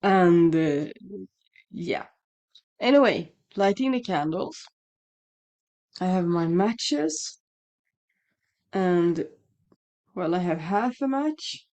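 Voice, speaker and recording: Talking extremely slowly with long pauses, a Swedish shamanism vlogger rambles through a casual morning vlog at home, correcting herself as she goes. Her fairly low voice carries a Swedish accent, lively intonation and a slightly mellow quality, plus a bit of sniffliness like a starting cold. She's in a dry room, using headphones with a mic.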